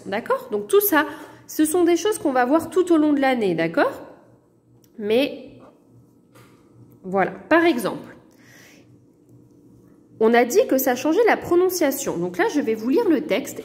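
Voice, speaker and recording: Patient woman teacher, slow delivery for children, reverberant classroom sound. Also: fairly high pitch. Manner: slow, patient, explaining with frequent checks. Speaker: primary school teacher. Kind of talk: recorded lesson for children. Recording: echoey room reverb.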